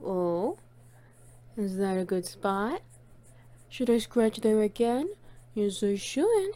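Woman performing a playful bossy woman, unhurried delivery, intimate audio role-play, teasing, coaxing, affectionate praise. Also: mid-range voice, lively intonation, mellow. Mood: affectionate, cooing. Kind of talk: intimate one-sided role-play acting.

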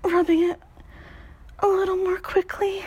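A young adult woman telling an intimate story in a soft, breathy whisper, broken up by sighs. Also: very high voice, level tone, measured pace, muffled recording.

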